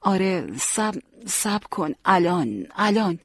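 A man doing a drowsy young fighter, halting speech. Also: on the high side, big pitch swings, breathy edge, full character voice. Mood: sleepy. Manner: slow, drowsy, halting words. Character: sleepy young male fighter, drowsy and slurring.

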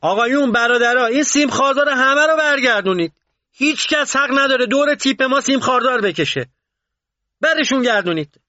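A man's voice: mid-range voice, very animated, a bit bright, husky, no echo, voice pushed up. A man voicing a stern, passionate male commander who raises his voice to give orders. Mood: shouting fervently. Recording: dull muffled recording.

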